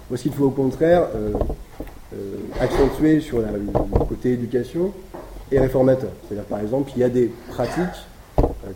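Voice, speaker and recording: A man giving an academic lecture, talking with many hesitations, fillers and restarts. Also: medium pitch. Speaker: academic speaker. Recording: echoey room with noise.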